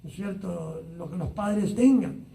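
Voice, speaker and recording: High-voiced preacher in a roomy echo. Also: male voice, creaky, mellow, far from the mic. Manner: unhurried, many "ah" fillers and tag questions. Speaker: pastor. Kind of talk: Bible study teaching. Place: church Bible study streamed live online.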